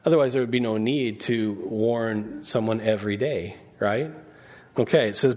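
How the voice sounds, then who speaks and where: A man's voice: mid-range voice, a little mellow. A male preacher giving a conversational sermon, often asking the congregation questions and reading verses aloud. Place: church.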